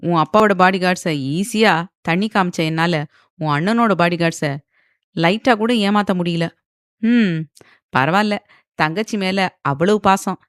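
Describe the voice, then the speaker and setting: A woman's voice: fairly low pitch, moderate pace, pauses often, a bit bright, dry recording, studio quality, lightly acted. Woman doing a cocky, taunting male film star. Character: arrogant male film star, mocking and forceful.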